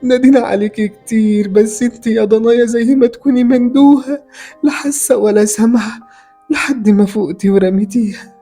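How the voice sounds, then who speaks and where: A man voice acting a frightened, tearful middle-aged mother in a horror story, pleading in a high, strained voice. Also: fast, mellow, husky, soft background music.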